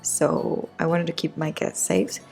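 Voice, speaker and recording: A woman with a raspy voice giving casual, hesitant voice-over commentary on a video game build, often rewording as she goes. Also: deep voice, expressive, unhurried, darkish tone. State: raspy voice today. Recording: music behind the voice. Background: background music.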